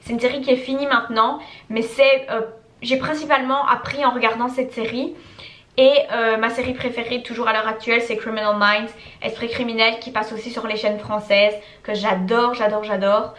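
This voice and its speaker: A woman's voice: a little high, fairly even intonation, moderate pace, fairly bright tone. A young woman vlogger chatting enthusiastically with some hesitant fillers, giving casual recommendations. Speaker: language-learning YouTuber. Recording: echoey room.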